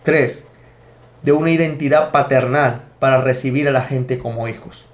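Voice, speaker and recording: A man's voice: medium pitch, steady tone, moderate pace. A man preaching a sermon, teaching emphatically and counting out his points. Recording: echoey room.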